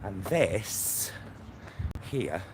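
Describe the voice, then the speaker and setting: In a deep voice with big pitch swings, a middle-aged Greater Manchester man from England speaks extremely slowly while walking a suburban road and filming himself. The vlogger's chat to camera is casual, rambling and a bit camp, peppered with campy endearments, against loud traffic and street noise.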